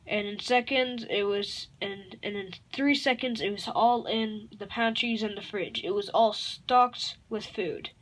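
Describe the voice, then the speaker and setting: A woman improvising a fan-fiction story aloud, rambling and halting, with many fillers and self-corrections. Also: mid-range voice.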